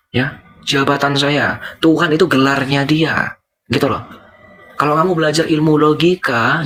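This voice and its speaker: A young man talks through religious definitions on a live stream, circling back and repeating each point like a teacher. His voice sits at an ordinary middle pitch and his tone is conversational. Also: fairly bright tone. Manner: explanatory, repeats points, lecturing. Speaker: live stream host answering callers. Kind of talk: casual religious discussion.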